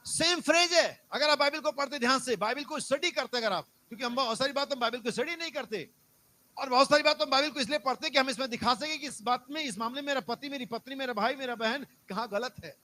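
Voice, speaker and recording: A male pastor delivering a sermon in a strikingly high, bright and forceful voice. He hammers points home through repetition and rhetorical questions. He drops to low, quiet asides before rising back into loud exhortation. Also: quick pace, poor audio.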